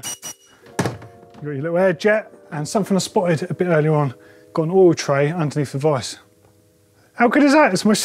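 A man in his forties, chatting enthusiastically as he tours a bike workshop and thinks aloud. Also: on the high side. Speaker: presenter. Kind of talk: casual workshop tour. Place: indoor bike workshop shed.

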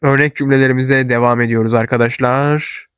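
A man walks learners through everyday German phrases. His voice sits at an ordinary middle pitch. The recording is dry and close, with no room echo, and he says each model phrase slowly and carefully. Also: steady tone, fairly bright tone, smooth. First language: Turkish. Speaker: German language teacher. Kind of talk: instructional explanation for learners.

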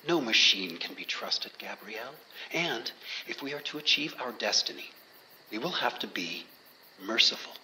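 A man's voice: lowish voice, animated, pushed and bright, slight background noise, low-quality recording. An intense, mystical visionary man. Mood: cold. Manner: slow, intense, half-whispered. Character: visionary male sculptor-researcher, intense, mystical. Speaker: researcher. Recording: crowd murmur behind.

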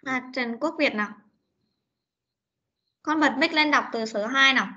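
Female online teacher, high-pitched, coaxing, repeats words for pupils to echo; muffled, lo-fi call audio. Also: a little slow, bright, forceful tone. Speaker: English teacher. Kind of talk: online class pronunciation drill. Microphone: video call. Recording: dull lo-fi meeting recording.

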